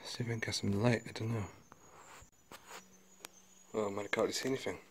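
Excited man filming outdoors in woods. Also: lowish voice, a little fast, slight background noise. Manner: excited, exploring and exclaiming. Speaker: vlogger. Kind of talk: casual walking vlog commentary. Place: woodland outdoors and inside a cave. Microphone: handheld camera mic.

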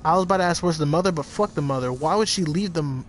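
A young man commentating a video game playthrough, excitable and profane, reacting loudly to the action. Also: fairly high pitch, fast talker, slight background noise. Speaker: gaming channel host. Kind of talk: casual let's-play commentary.

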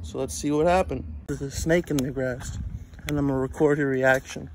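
A man's voice: mid-range voice, steady tone, a little fast, slight background noise. A young man vlogging casually to the camera, slangy and upbeat, with a phone held at arm's length outdoors. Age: young adult. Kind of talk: casual vlog chat. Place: outdoors on mountain trails.

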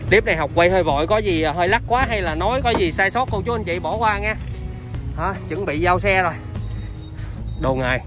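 A man with a southern Vietnamese accent giving an off-the-cuff used car sales pitch in slick, repetitive salesman patter while showing a car outdoors. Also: animated, fairly quick, over music. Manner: slick salesman patter, repeating and pointing things out.

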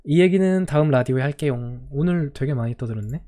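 A young man in his twenties, a streamer telling stories in a casual radio-style chat, acting out quotes, his voice gone hoarse. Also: mid-range voice, expressive, a little fast. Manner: storytelling, acting out quotes with swings in loudness.

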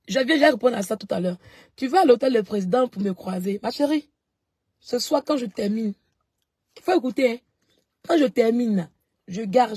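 A woman's voice: on the high side, a little mellow, husky, no echo, clean studio sound. A woman vlogger answering followers in a live stream, confrontational and mocking, repeating herself as she talks straight into her phone.

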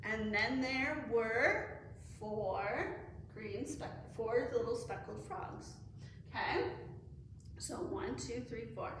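Filmed from across an echoey room by a far camera, with faint background noise, a middle-aged female children's librarian runs story time, reading and leading action songs with cheerful sing-song counting. She speaks on the high side, takes it slowly, and sounds a bit bright.

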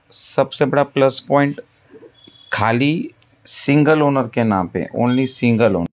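A man selling farmland in a voice-over, repeating his selling points in a pitchy salesman's patter. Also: darkish tone, dull audio. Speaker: land broker. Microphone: voice-over over drone footage.

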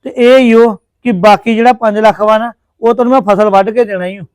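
A man's voice: sits high, fairly even intonation, fairly quick, a little mellow, clean tone, no room sound. A man acting a placating brother-in-law in a family drama. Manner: placating, apologetic.

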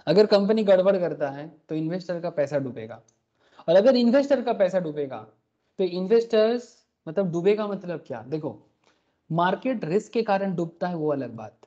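A man's voice: high voice, expressive, moderate pace, warm tone. A man teaching an online class, explaining with rhetorical questions and checking that students follow. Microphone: computer mic on a recorded video call. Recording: dull lo-fi meeting recording.

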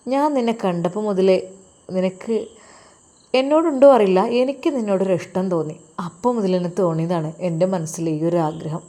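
Woman voicing boastful schemer husband, swaggering, teasing, mellow, storybook. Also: medium pitch, lightly acted.

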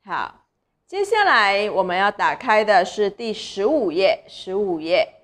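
Lady teacher, slow careful voice, spelling out syllables for little kids. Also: medium pitch, sing-song, fairly bright tone. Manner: slow sounding-out of syllables to children. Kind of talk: children's reading lesson.

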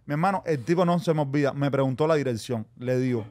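A man's voice: mid-range voice, quick pace. A man, a podcast guest telling a story in casual chat, acting out what people said to him. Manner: animated storyteller acting out quotes, calls listeners "mi hermano".

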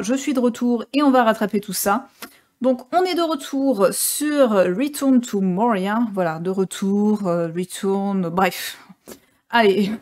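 A woman gaming streamer giving casual gameplay commentary, chatty and joking with many hesitations. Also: mid-range voice.

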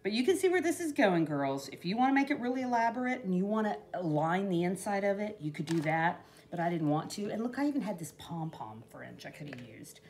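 A middle-aged craft vlogger sits at a craft table at home, rambling casually as she demonstrates a project and saying "you know" a lot. Her voice is fairly low and darkish, with big pitch swings. She talks a little fast with few pauses.

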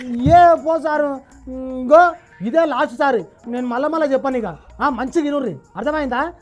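Telangana lady teasing her guest on a comedy show, dialect-heavy banter, voice a bit high, faint music under. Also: brisk. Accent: Telangana Telugu. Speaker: comic interviewer host. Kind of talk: comic satirical interview.

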